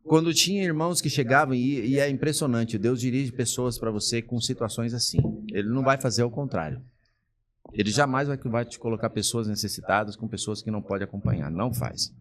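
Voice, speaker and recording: Animated storytelling pastor. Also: male voice, mid-range voice, brisk. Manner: animated, acts out the people he quotes. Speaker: pastor, podcast guest. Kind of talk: personal storytelling in a podcast conversation. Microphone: podcast studio mic.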